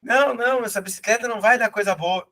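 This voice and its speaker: A man's voice: high-pitched, fast talker, bright, forceful tone, voice pushed up. A man voicing an anxious young boy who frets about getting hurt. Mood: fretful. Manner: whiny, worrying.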